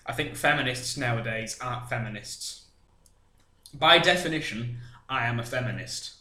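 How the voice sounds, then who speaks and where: A man's voice: medium pitch, moderate pace, bright, forceful tone. A young man co-hosting a podcast, dry and self-mocking in casual chat. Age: young adult. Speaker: podcast co-host. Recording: echoey room.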